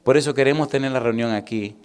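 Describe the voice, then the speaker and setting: Caribbean Spanish pastor preaching with fervor. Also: male voice, mid-range voice, fast talker, clear, resonant tone. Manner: storytelling, swings from loud fervor to hushed intimacy. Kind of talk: sermon.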